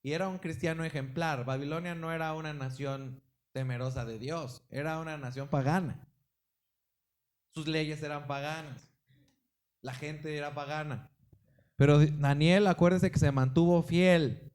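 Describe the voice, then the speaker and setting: A man's voice: fairly high pitch, fairly even intonation, a little slow, darkish tone. A man preaching a Sunday sermon in a church service, emphatic, with swings in volume and frequent exclamations to the congregation. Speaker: pastor.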